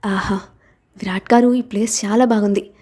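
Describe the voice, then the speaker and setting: A woman reading an audiobook aloud and voicing an emotional young wife who is quick to protest, her pitch and volume lifting a little above her narration. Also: fairly even intonation, warm tone, lightly acted. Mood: eager.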